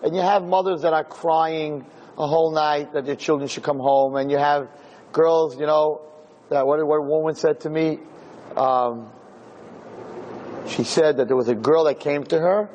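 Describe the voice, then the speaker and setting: A man's voice: on the high side, steady tone, moderate pace, a little mellow, lo-fi sound, a little hiss or hum. A man giving an informal Torah lecture to a roomful of listeners, speaking emphatically and throwing rhetorical questions at them. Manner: emphatic, asks the audience many rhetorical questions. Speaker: rabbi giving a class. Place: lecture room with an audience.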